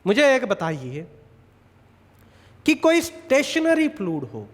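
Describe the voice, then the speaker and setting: A man giving an exam coaching lecture, repeating key points, asking the class rhetorical questions and slowing down to dictate definitions. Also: extremely high pitch, huge pitch swings, in a large hall. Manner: slows to dictate English definitions.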